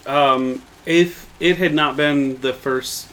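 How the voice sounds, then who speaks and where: A man's voice: mid-range voice, steady tone, takes it slowly, fairly bright tone, slight background noise, low-quality recording. A man in casual chat, talking in an easygoing way with frequent ums. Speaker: podcast co-host.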